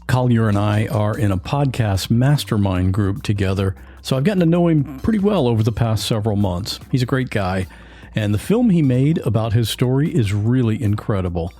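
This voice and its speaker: A man's voice: on the low side, expressive, normal speed, dark tone, soft background music. A man hosting a podcast, speaking casually and directly to his listeners. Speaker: podcast host. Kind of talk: interview and scripted outro.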